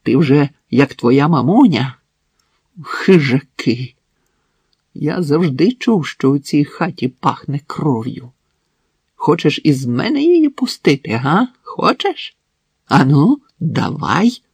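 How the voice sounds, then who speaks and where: A drunk, brutal husband, as a male audiobook reader puts him on, sneering and drawing out his threats slowly. The voice is husky and close, with no room around it. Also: fairly high pitch, big pitch swings, darkish tone, no room sound, exaggerated voice. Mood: menacing. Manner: slow, menacing, mocking. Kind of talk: audiobook narration.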